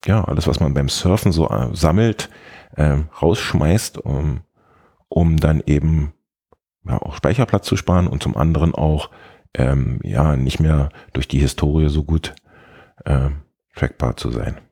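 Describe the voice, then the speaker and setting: A man with a very deep, mellow voice talks through tech tips in a relaxed podcast chat. He hesitates often, filling gaps with ums as he explains step by step. His tone has a husky edge. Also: measured pace. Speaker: podcast co-host.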